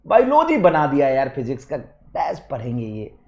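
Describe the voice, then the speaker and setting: A physics teacher scolding his class in an angry, sarcastic and blunt way, with sudden loud bursts. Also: medium pitch, wildly swooping pitch, moderate pace, highs cut off.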